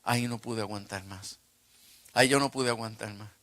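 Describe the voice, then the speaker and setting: A man pastor telling a personal testimony in a sermon, emotional and surging to loud bursts. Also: lowish voice, steady tone, normal speed. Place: retreat conference hall.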